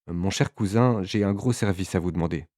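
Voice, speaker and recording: A man's voice: sits low, a little fast, a little mellow, dry recording, studio quality, natural voice. A man voicing a trembling, pleading hypnotized woman. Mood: anxious. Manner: stammering, tearful pleading.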